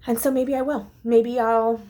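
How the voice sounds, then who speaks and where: A woman's voice: a little high, level tone, moderate pace, mellow. A woman vlogging a heartfelt, rambling personal update, full of fillers and restarts and close to tears at times. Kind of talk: casual vlog update.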